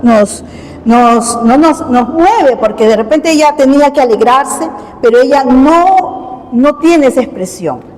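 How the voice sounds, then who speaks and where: High-voiced Peruvian woman preaching. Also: darkish tone. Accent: Peruvian Spanish. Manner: rhetorical questions to the congregation, frequent restarts. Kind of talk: sermon. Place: church hall. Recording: long hall reverb.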